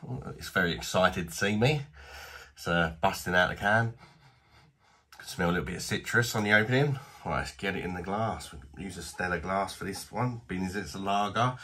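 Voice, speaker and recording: A man's voice: sits low, a little fast, bright, forceful tone, breathy edge. A man in his thirties with a British accent, chatting bluntly and casually while reviewing a beer in a small home bar. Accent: British English. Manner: chatty, blunt, self-deprecating.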